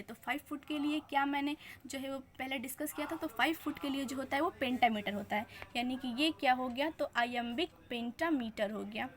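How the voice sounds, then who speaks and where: High-voiced woman teaching poetry scanning. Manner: explains step by step, asks and answers her own questions; mixes Hindi and English freely. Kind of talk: exam-prep lesson on scanning poetry.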